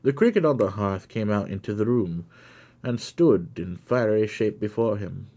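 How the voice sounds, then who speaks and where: A man reading a classic story aloud for his stream, slow and deliberate, rising for the quoted lines. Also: on the low side, lively intonation, dark tone. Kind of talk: dramatic audiobook reading.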